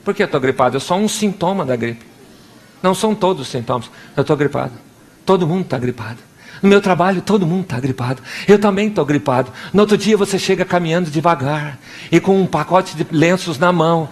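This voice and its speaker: A young Brazilian pastor with a Brazilian Portuguese accent preaches an animated sermon, acting out little scenes and prayers in different voices. His voice is a little high and he talks fairly quickly.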